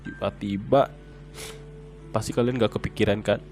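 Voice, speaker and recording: A man's voice: on the low side, steady tone, moderate pace, a little mellow. Young male storyteller, chatty and rambling, faint music underneath. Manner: chatty, rambling, many fillers. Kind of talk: casual personal storytelling.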